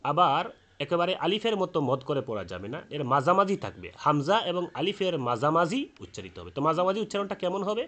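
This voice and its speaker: A man teaching Quran recitation rules in a spoken lesson. He explains slowly, with frequent hesitant fillers, and chants the example words aloud. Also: a little high, a bit bright.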